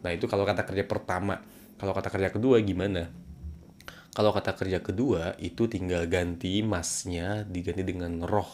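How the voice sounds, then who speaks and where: A man teaching a casual language lesson, playful, jumping his voice up to act out rough commands and trailing off softly at phrase ends. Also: sits low, steady tone, normal speed, slight background noise.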